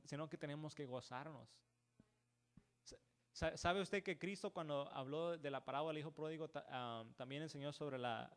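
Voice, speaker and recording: A man preaching a church sermon who keeps calling the listeners "brother" and asking "right?", often restarting words and mixing in English words. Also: medium pitch. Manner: peppers talk with "hermano" and "¿verdad?".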